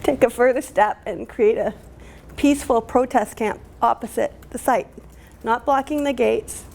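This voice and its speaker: A woman speaking at a public talk, halting and emotional, with many fillers, recorded with faint room ambience. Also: on the high side, vocal fry, a little mellow. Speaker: community activist speaker.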